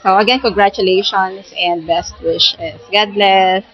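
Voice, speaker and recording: A woman's voice: medium pitch, fairly even intonation, unhurried, highs cut off. Filipino woman, casual message over music. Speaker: wedding guest leaving a message.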